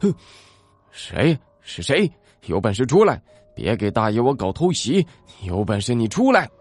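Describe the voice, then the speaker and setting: A man's voice: mid-range voice, very animated, measured pace, a little mellow, dry recording, soft background music. A man playing an arrogant, hot-tempered school bully who blusters and threatens. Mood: menacing.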